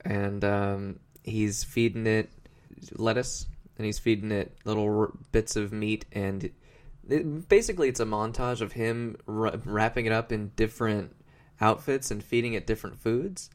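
A man's voice: fairly low pitch, normal speed. A man co-hosting a podcast who recaps a show in casual, rambling chat with many fillers. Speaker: podcast co-host.

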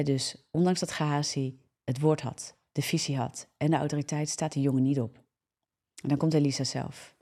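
A woman's voice: low voice, dark tone. Woman, live devotional preacher, storytelling Bible teaching, speaks straight to listeners. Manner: storytelling, addressing listeners directly with "hè?" and "ja?".

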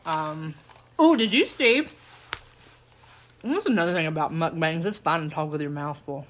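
A woman's voice: low voice, normal speed, a little hiss or hum. A woman co-hosting a casual chat over a meal, playful and teasing, laughing often and using slangy phrasing. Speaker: co-host. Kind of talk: casual chat while eating.

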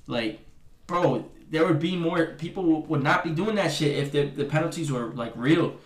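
A man's voice: fairly high pitch, moderate pace. A young man chatting casually as a podcast panelist, talking in sweary frat-bro slang. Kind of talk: casual chat. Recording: roomy echo.

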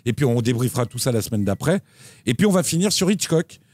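Animated French-speaking male co-host. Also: fast, no echo. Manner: animated, lively pitch swings, frequent restarts. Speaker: co-host recommending TV shows. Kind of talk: casual chat.

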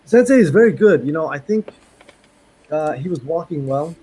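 A man's voice: on the high side, lively intonation, moderate pace, warm tone, rough recording. A man giving a casual, chatty interview as a guest, often repeating words for emphasis. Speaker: interview guest, martial arts instructor. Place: remote call from Japan. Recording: clear ambient background noise.

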